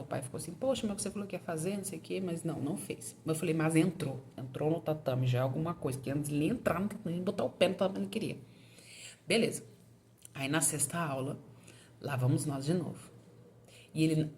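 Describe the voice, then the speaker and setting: A woman with a low voice tells a family story to her viewers in a relaxed, chatty way. She lifts her pitch when she acts out what others said. Faint background noise can be heard under her voice. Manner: animated retelling, acting out quoted lines with raised pitch. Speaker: mother telling about her son.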